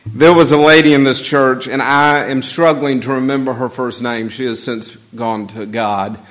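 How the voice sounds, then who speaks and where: A man's voice: medium pitch, fairly even intonation. Southern man preaching a reflective eulogy. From Atlanta, US South. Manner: reflective, measured, with gentle humor. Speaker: pastor. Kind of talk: funeral sermon. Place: church sanctuary.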